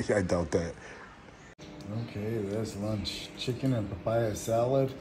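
A man's voice: on the low side, measured pace. A man vlogging casually while riding outdoors, narrating what he sees and teasing his wife. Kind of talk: casual chat. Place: outdoors on a bike ride in a village. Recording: outdoor recording with noise behind.

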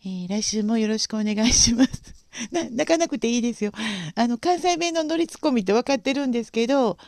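A woman hosting a casual livestream, speaking gently and politely with frequent pauses and fillers. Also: fairly high pitch, expressive, dry recording, studio quality. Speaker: livestream host.

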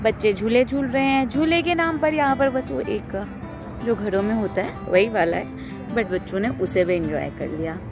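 A woman in her thirties chatting playfully to her phone camera on a family road trip, mixing English words into her talk. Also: mid-range voice. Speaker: family vlogger. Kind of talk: casual travel vlog chat. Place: outdoors at a roadside restaurant garden, then in a car. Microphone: phone held at arm's length.

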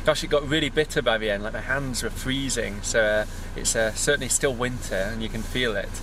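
This English-accented vlogger in his thirties rambles casually and enthusiastically, holding a camera at arm's length, out on country lanes or in a parked car. He speaks a little fast in a mid-range voice, and background noise comes through both outside and in the car.

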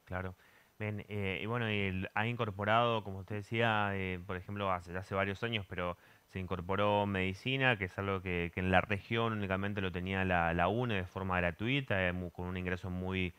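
Young tv host, really low voice, smooth and dry, rambles through his questions. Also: fairly even intonation, normal speed, a bit bright, dry recording. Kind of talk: TV studio interview. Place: TV studio.

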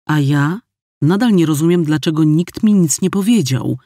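A man reading an audiobook, voicing a hurt, quick-tempered young woman who speaks in an irritated, demanding way. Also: on the high side, expressive, a little mellow, no room sound, studio quality.

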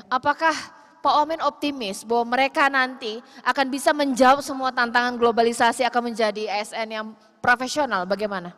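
A woman's voice: fairly high pitch, steady tone, a little fast, a bit bright. A woman in her thirties moderating a formal event, polished and upbeat, speaking into a handheld mic. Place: large hall stage. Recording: long hall reverb.

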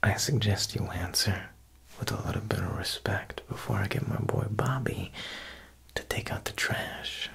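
At normal speed, a young man's lowish, husky voice shows vocal fry and a fairly bright tone. Playing an ASMR tailor, he whispers in character as a joking Italian mob boss with a faint edge of menace, using wiseguy phrasing and plenty of "huh" tags.

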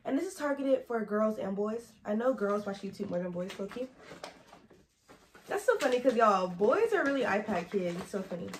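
A woman's voice: mid-range voice, sing-song, moderate pace, a little hiss or hum. A young college woman talking casually to her camera, rambling and easily sidetracked as she gives advice. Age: young adult. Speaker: vlogger. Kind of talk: casual chatty advice vlog.

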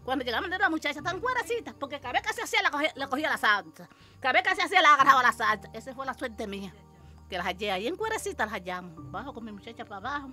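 An older woman, animatedly telling an interviewer her story as a mother and acting out the shouts and quotes in it. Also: sits high, big pitch swings, racing, soft background music.

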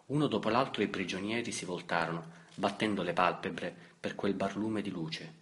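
A man reading a novel aloud as an audiobook narrator, in a measured, steady way. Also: deep voice. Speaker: audiobook reader. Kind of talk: scripted literary narration.

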